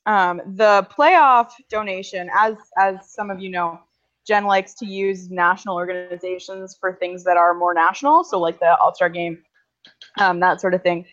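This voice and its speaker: A woman's voice: fairly low pitch, moderate pace, a bit bright. A woman co-hosting a casual chat podcast, explaining things at length with lots of ums. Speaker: podcast co-host. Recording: slightly dull lo-fi recording.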